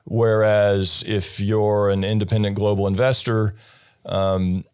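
Very deep-voiced American man. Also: level tone, darkish tone, clean tone. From United States. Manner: measured, explanatory, with many fillers. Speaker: guest investor. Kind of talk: interview answers.

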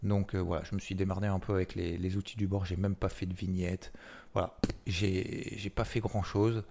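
Deep, creaky and warm, this man's voice moves at normal speed with a flat delivery. He hosts a weekly market recap in a casual, chatty way, often restarting, repeating words and using fillers.

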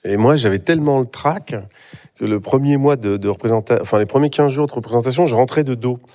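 A man's voice: medium pitch, quick pace, dark tone. A middle-aged man, an actor, talking in a live interview on a theatre stage, hesitant, with many fillers and restarts. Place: theatre stage before an audience.

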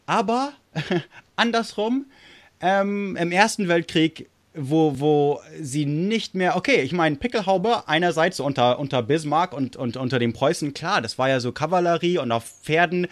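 A man's voice: a little high, normal speed. A man with an American accent in German, a native English speaker, chats casually about history, searching for words and slipping in English ones. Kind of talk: casual podcast discussion of history.

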